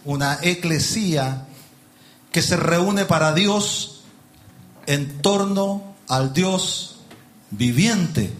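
Male preacher, higher-pitched, direct sermon to his congregation with rhetorical questions. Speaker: pastor. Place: church with pews.

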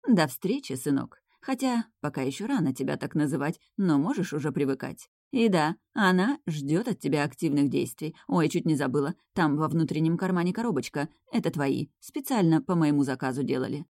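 Lady narrator doing a teasing elf princess, low velvet voice, dry close sound. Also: lively intonation, a little fast, hardly any pauses, darkish tone, no room sound. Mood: playful. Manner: teasing, self-assured. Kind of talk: audiobook reading.

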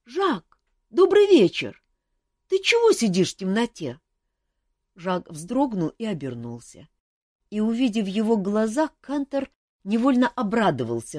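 A woman reading a fantasy audiobook aloud with expressive storytelling. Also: fairly low pitch, dry recording, studio quality. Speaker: audiobook narrator.

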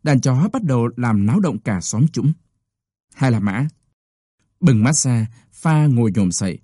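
A man narrating a story from a script, with an expressive storytelling delivery. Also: mid-range voice, unhurried, breathy edge, no room sound, studio quality.

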